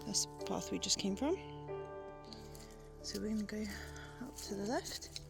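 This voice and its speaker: A woman's voice: medium pitch, a little slow, vocal fry, over music. A woman chatting casually and enthusiastically as she narrates a country walk for a vlog. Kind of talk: casual chat.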